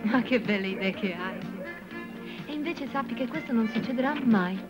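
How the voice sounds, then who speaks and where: A woman's voice: on the high side, animated, fairly quick, over music, natural voice, low-quality recording. An actress playing a headstrong young female student, teasing and mocking in a film comedy. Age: young adult.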